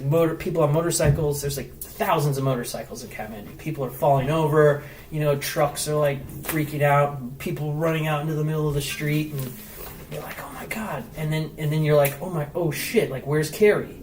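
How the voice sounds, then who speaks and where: A man's voice: a little high, fairly quick, distant mic. A man, a podcast guest, telling a story in casual, loose chat, full of "like" and swearing. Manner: animated, loose, lots of "like" and swearing. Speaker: podcast guest, travel blogger. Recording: roomy echo, off-mic, faint hiss.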